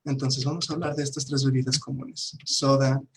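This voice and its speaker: A man's voice: mid-range voice, little pitch movement, moderate pace, a little hiss or hum. A man teaching an online language lesson, patiently repeating words for his students to drill. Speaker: English teacher.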